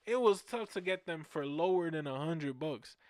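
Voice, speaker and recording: A young man in his twenties from Orlando hosts a fan show and spins animated, slang-heavy stories, hammering his points home by repeating them. His voice sits a little high for a man and rings smooth and clear. The sound is dry and close, with no room echo. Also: normal speed. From Orlando, Florida, USA. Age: 20s. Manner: animated, slangy, repetitive emphatic phrasing. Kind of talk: casual storytelling.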